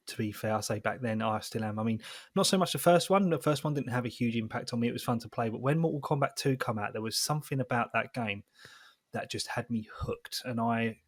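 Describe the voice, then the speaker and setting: A man's voice: medium pitch, no room sound, clean studio sound. A man in his thirties chatting casually as a podcast co-host, laughing often. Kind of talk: casual chat.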